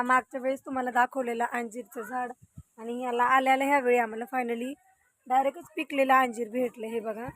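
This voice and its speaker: A young woman vlogging outdoors on a farm, chatting straight to viewers as she walks with a handheld phone. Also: on the high side. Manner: chatty, talks straight to viewers while walking. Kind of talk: casual vlog walkthrough. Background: faint wind and outdoor noise.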